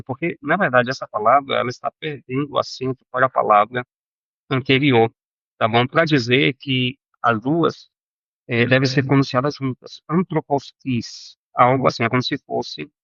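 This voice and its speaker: A man teaching a recorded Greek grammar lesson, halting with fillers and self-corrections and often checking in with his students. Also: mid-range voice, gravelly, fairly bright tone, no room sound, highs cut off.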